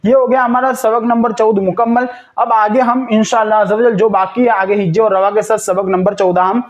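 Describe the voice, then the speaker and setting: A man teaching Quran reading step by step. He spells out letters slowly, syllable by syllable, and patiently asks questions that he answers himself. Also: high-pitched, little pitch movement. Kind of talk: step-by-step recitation lesson.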